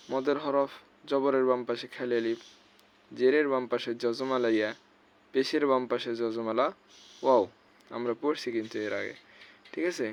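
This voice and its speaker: A man teaching Quran recitation rules step by step, often checking "okay?" and slowly drawing out recited syllables. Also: mid-range voice. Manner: explains step by step, often checks with "ঠিক আছে?". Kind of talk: explanatory lesson. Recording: slightly dull lo-fi sound.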